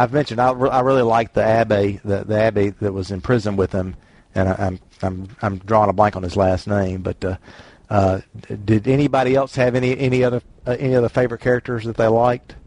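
A man's voice: fairly low pitch, a little mellow. Rambling man with a Southern drawl. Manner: rambling, self-deprecating. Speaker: book club host. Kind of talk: casual book discussion.

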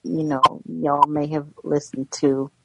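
Husky, slow-talking low-voiced American woman. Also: flat delivery, a bit bright, rough recording. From Georgia and various parts of the US. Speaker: book club member, first-time participant. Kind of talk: casual chat.

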